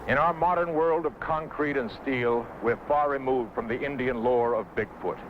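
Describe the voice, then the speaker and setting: An American man narrating a nature documentary from a script in a measured, suspenseful, dramatic way. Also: medium pitch, a little hiss or hum. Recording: dull vintage TV soundtrack, loud music behind. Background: loud background music.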